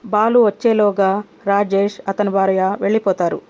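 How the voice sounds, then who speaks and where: A woman narrating a recap of a family drama in steady, scripted storytelling. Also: medium pitch, normal speed.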